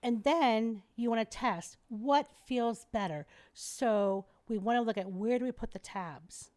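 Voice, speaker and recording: On a podcast interview, a middle-aged woman who specializes in airways explains and demonstrates things in a spirited, instructive way. Her voice is on the high side and her delivery unhurried.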